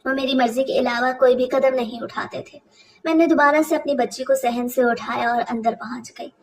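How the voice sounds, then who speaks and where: A woman narrating a first-person family story in a steady, confiding way. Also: high voice, moderate pace, distant mic.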